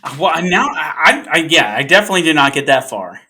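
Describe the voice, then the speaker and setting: Bright-voiced easygoing podcast host. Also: male voice, a little high, sing-song, fast talker. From Oklahoma. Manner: easygoing, joking sign-off. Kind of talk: casual podcast chat.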